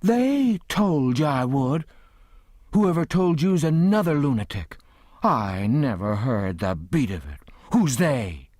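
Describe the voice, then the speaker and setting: A man voicing a sharp-tongued older Southern woman who scolds in a high, shrill tone. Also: lively intonation, normal speed, few pauses, dry recording, studio quality, close to an everyday voice. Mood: indignant.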